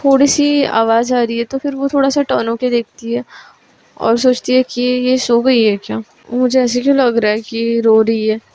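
A woman's voice: fairly high pitch, flat delivery, moderate pace, dark tone. A woman telling a romantic story in a chatty, casual narration, dropping in English words.

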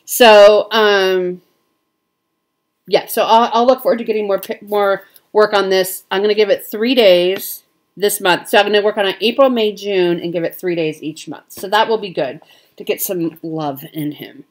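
A woman's voice: mid-range voice, normal speed. A woman with a Midwestern American accent chatting casually as a cross-stitch vlogger, with frequent ums. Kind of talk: casual show-and-tell chat.

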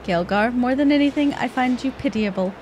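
A woman voicing a stern, composed young queen from a fantasy video game, formal and measured. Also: fairly high pitch, darkish tone, highs cut off, a little hiss or hum, lightly acted. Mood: pitying. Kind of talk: reading game dialogue aloud.

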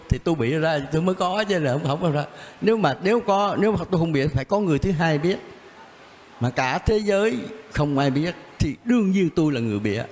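A man's voice: on the high side, darkish tone. Older man, blunt and chuckling. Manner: blunt, chuckling, repeats himself. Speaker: Zen teacher answering questions. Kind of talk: casual spoken teaching, question and answer. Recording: reverberant room, faint background noise.

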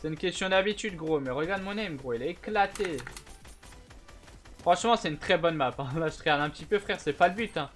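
A young man hosting a gaming channel, giving a casual gameplay tutorial in a slangy, chatty way with bursts of excited shouting. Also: a little high, a little fast, soft background music.

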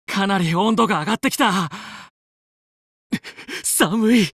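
A man's voice: high voice, takes it slowly, a bit bright, dry recording, clean studio sound, exaggerated voice. A male actor playing a confident, heroic young fox who leads a team of space pilots in a video game, with cool, resolute, clipped delivery. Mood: alarmed, straining. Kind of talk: Japanese video game battle voice lines.

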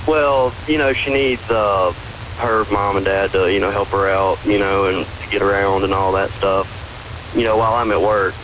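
A polite, hesitant man from the southern United States phones into a radio show for a casual chat, calling the host "sir." His voice is on the low side, with fairly even intonation and a moderate pace. The call is replayed through a portable radio speaker, sounding like a dull, noisy AM relay.

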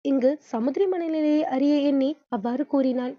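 A woman's voice: high voice, moderate pace, no echo. A woman narrating a novel as an audiobook, reading steadily, on a dull lo-fi recording.

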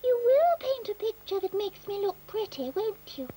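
A woman's voice: very high-pitched, sing-song, moderate pace, dark tone, rough recording. A woman voicing a vain, fussy young female apple in a children's puppet cartoon, gushing and calling everyone dear. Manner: gushing, self-admiring, calls others dear.

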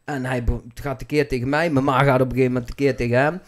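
A man hosting a podcast in casual chat with an old friend. He reacts with quick exclamations and slang, then slips into his own story with fillers and restarts. His voice sits at an ordinary pitch for a man. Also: level tone. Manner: reacting with short laughs and exclamations. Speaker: podcast host.

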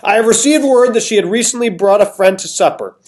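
A man voicing a cruel, pompous tyrant king who makes menacing, slow proclamations. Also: high voice, a little mellow, pitched above the performer's own voice, lightly acted. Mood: proclaiming.

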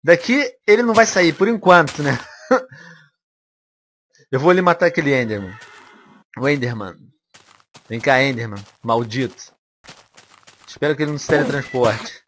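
A young man with a Brazilian accent commentating a game he is playing, animated and quick to squeal and laugh. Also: medium pitch, a little hiss or hum. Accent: Brazilian Portuguese. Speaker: gaming video host.

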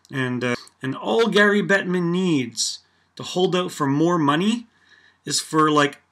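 A man from Canada hosting a casual opinion rant, sarcastic and full of fillers like "you know" and "like". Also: mid-range voice. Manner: sarcastic, animated, filler-heavy. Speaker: vlog host.

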